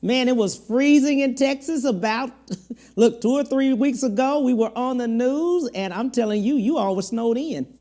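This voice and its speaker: Woman host, friendly interviewer, pitch slightly up, quick to agree. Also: mellow. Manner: upbeat, affirming with frequent agreement. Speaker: talk show host. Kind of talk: casual interview talk.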